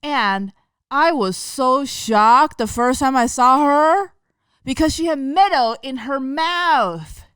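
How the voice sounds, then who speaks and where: A woman in her forties from Taiwan, co-hosting a podcast and telling a story in a casual, giggly and animated way. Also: sits high, slow pace, clean tone, no echo, studio quality. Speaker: podcast co-host. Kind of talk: casual chat.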